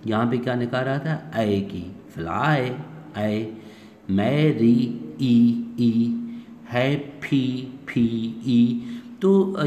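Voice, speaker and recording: Man, online lecture, lowish voice, echoey room, faint hiss. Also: a little mellow. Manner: explanatory, mixes in English phrases, frequent fillers. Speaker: English language teacher.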